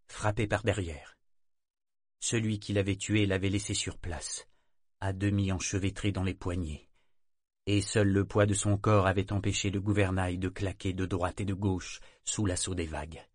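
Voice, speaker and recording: A man reading an audiobook with steady, measured storytelling. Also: sits low, no room sound, clean studio sound. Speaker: audiobook narrator. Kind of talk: scripted audiobook narration.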